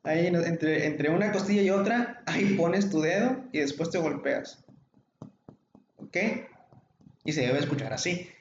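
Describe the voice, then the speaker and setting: Speaking a little slowly in a fairly high voice, a man with a Mexican Spanish accent leads an informal online medical class, joking, chatting, and calling students by name. The background is noisy, and the room recording sounds echoey, dull, and lo-fi.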